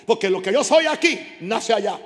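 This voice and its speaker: A male pastor preaching a fervent sermon in church, shouting at times and breaking into tongues. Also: sits high, animated, normal speed, slight background noise. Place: church hall. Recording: church hall with long reverb.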